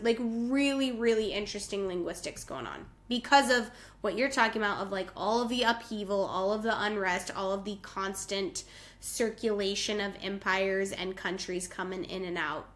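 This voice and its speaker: On this podcast, an American co-host chats casually, her talk peppered with "like." She speaks at a medium pitch with a fairly bright tone.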